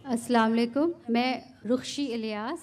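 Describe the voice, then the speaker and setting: A woman's voice: a little high, moderate pace, darkish tone. A woman in the audience asking a precise question at a lecture, citing a scripture verse.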